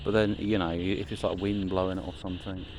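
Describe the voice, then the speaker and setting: Deep gravelly guy doing a casual ghost hunting vlog outside, halting and musing, noisy traffic rumble behind. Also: flat delivery. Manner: musing, halting, trailing off mid-thought. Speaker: paranormal investigator filming a vlog. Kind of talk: casual rambling vlog chat. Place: outdoors in a cemetery, walking around.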